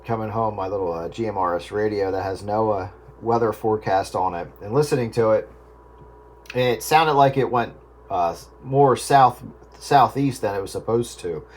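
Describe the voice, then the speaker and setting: Over a static-filled, noisy two-way radio, a man with a voice on the low side talks casually at a moderate pace. He is an amateur radio operator taking part in an on-air roundup.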